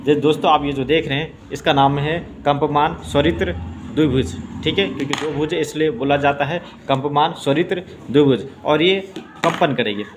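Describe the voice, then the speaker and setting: A man teaching a science demonstration lesson, explaining step by step and filling pauses with "okay" and "friends". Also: fairly high pitch, noisy background. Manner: repeats "theek hai" and "doston" often.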